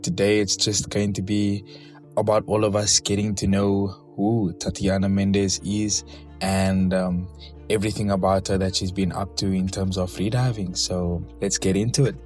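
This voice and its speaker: Mellow-voiced male podcast host. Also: deep voice, little pitch movement, moderate pace, soft background music. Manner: polite, formal welcoming tone. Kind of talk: interview hosting.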